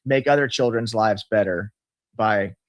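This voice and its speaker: A man's voice: fairly low pitch, measured pace, dry recording. A man in his fifties in a casual discussion, talking earnestly and at length, sometimes laughing as he explains. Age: 50s. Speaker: channel host.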